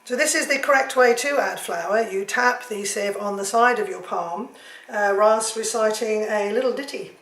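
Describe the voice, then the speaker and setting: A woman's voice: mid-range voice, moderate pace, a bit bright. A woman giving a cooking demonstration at home, chatty and rambling, with jokey asides. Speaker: home cook. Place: home kitchen. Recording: echoey kitchen with clattering dishes.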